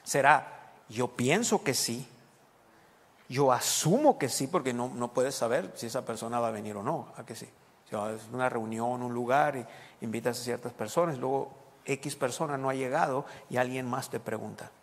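Male pastor, mid-pitched, preaching to a congregation, questioning and explaining, long hall reverb. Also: normal speed. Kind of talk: sermon.

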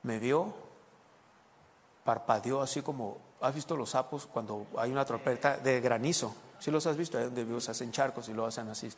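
A man's voice: mid-range voice, brisk, a little hiss or hum. A man preaching a sermon as pastor, explaining scripture and putting questions to the congregation. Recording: long reverb of a large hall.

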